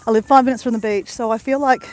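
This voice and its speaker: Her voice fairly high, steady and a little mellow, an Australian woman talks fast while live streaming from a beach at sunrise. She films on a handheld phone and chats to viewers in a bubbly, rambling way.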